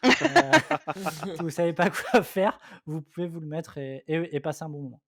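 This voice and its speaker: A man joking in a relaxed online chat among friends, his voice dry and close with no room sound. He talks in fits and starts and often trails off into a mumble. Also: fairly high pitch, no room sound. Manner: joking, halting, trails off into a mutter. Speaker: podcast co-host. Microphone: online call setup.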